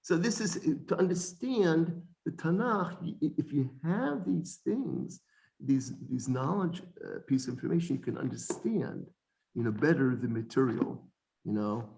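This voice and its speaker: A man teaching an informal Bible study lesson, animated, often repeating words and restarting sentences. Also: on the high side, moderate pace, vocal fry.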